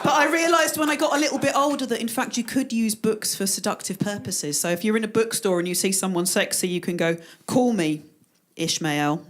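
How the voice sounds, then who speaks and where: A woman's voice: fairly high pitch, fast talker, few pauses. Dry self-deprecating woman comic. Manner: dry, self-deprecating delivery with put-on voices for quotes. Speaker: stand-up comedian. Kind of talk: stand-up comedy set. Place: comedy club stage.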